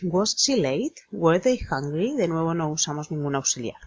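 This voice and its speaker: A woman explaining an English grammar lesson in a slow, deliberate manner, spelling out letters. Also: sits low, lively intonation, highs cut off, slight background noise. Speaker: English teacher.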